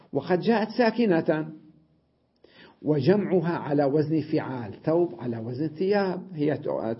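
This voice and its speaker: A man's voice: on the high side, vocal fry, slightly rough, muffled recording. A man teaching an Arabic grammar lesson, explaining step by step, repeating words and checking with his students.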